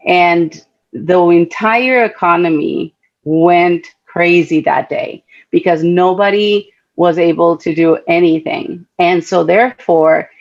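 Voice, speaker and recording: A woman's voice: fairly low pitch, lo-fi sound. A middle-aged woman from Guatemala, speaking earnestly and conversationally as a panelist at a talk event, telling personal stories. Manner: earnest, heartfelt, conversational, with frequent fillers.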